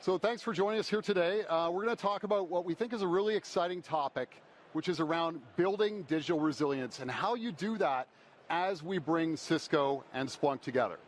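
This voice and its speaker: High-pitched man giving a podium speech. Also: brisk. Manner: explanatory, poses questions then answers them. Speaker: conference speaker, presenter. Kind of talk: podium speech, conference presentation to an audience. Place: conference stage. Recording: faint background noise.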